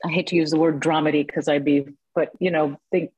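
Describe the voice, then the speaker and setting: A woman in her sixties, an actress telling stories in a casual interview, animated and quick to laugh, with many fillers. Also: deep voice, slightly rough, dry recording, muffled recording. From born in Cuba, raised in New Jersey. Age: 60s.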